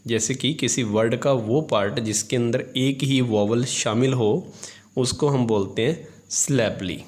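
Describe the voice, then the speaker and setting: A man's voice: medium pitch, a little mellow. Hindi-speaking man teaching English grammar. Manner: explains step by step, asks and answers his own questions; stretches English terms slowly while dictating. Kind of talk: classroom lesson explained in Hindi.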